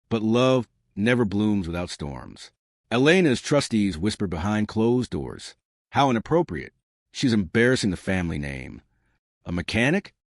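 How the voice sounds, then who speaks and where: Man, story narrator, dramatic scripted telling, low voice, very expressive pitch. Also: no echo, studio quality.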